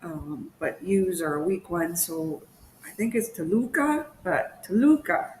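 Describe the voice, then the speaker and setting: A co-host in a casual livestream chat from home, easygoing and a bit unsure, laughing softly now and then. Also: mid-range voice, unhurried, slight background noise, low-quality recording. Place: home in Mexico.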